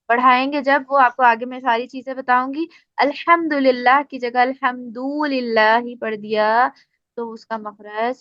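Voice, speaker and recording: A woman with a Pakistani Urdu accent teaches Quran recitation in a relaxed, patient lesson, stopping to recite examples slowly. Her voice sits high. The recording is dry and slightly muffled. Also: no room sound. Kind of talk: casual spoken lesson.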